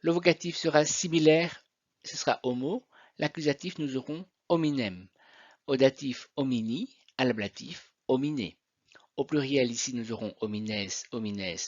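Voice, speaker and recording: A man's voice: mid-range voice, no room sound. A man teaching a Latin grammar lesson, patiently walking through examples step by step. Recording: dull dry lo-fi recording.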